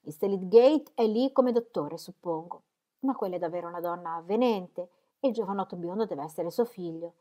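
A woman's voice: fairly low pitch, dark tone, natural voice. A woman doing a mocking gossipy society lady. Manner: teasing, mocking, quick remarks.

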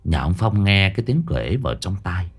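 A male storyteller narrates a spooky folk tale. His delivery is dramatic and very animated, the pitch rising and falling constantly. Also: fast.

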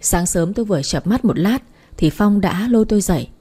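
A young woman tells her own story in an intimate, confessional tone. Her voice is dark and mellow, with a breathy, husky grain. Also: medium pitch, lively intonation, brisk. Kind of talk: first-person story narration.

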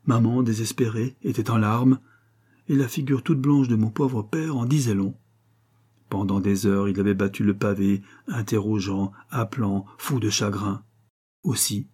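A man narrating a literary story aloud, in an expressive, dramatic reading style. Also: lowish voice, slightly rough. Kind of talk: scripted audiobook narration.

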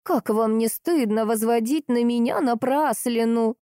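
A woman voicing a sharp-tongued, persistent older woman detective who is by turns sweet and cutting, in an audiobook. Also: medium pitch, big pitch swings, moderate pace, no echo, clean studio sound, pitched above the performer's own voice, lightly acted. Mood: coaxing.

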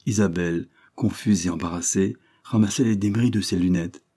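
A man narrating a classic novel as an audiobook, in a measured literary reading. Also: deep voice, fairly even intonation, mellow, husky. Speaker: audiobook reader. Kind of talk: scripted narration.

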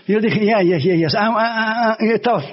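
A man preaching a sermon as a pastor, telling animated stories and imitating sounds. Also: high voice, fairly quick, highs cut off.

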